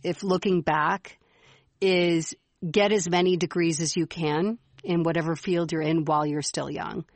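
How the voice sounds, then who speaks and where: A woman's voice: on the low side, steady tone, unhurried, dry recording. A middle-aged woman co-hosting a podcast, talking in an earnest, reflective casual chat. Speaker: podcast co-host.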